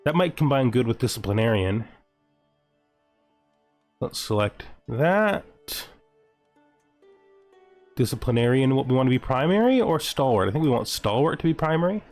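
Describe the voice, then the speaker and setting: Over background music, a gaming video host gives a laid-back, joking let's-play of a strategy game, reasoning out loud and repeatedly asking himself questions. He speaks at a medium pitch with a slightly mellow quality.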